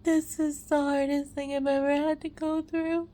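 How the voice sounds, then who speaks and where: Tearful high-voiced woman, snotty crying. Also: flat delivery, mellow. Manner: halting, broken phrases with long pauses. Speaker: mother sharing a personal testimony. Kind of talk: emotional confessional vlog.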